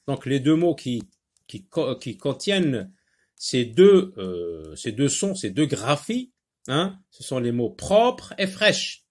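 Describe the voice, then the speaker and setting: A man's voice: medium pitch, sing-song. A man teaching a French phonics lesson to young children, drawing out and repeating sounds and words, with a North African French accent. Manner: slow, drawn-out, repeating sounds and words for pupils.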